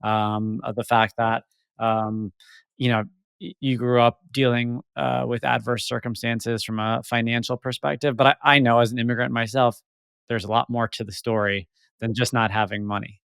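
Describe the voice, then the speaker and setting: Male podcast host, gravelly with a dry, close sound, rambling thoughtful questions. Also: mid-range voice, steady tone, moderate pace, fairly bright tone, no room sound. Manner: rambling, thoughtful, many fillers and restarts. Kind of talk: interview podcast.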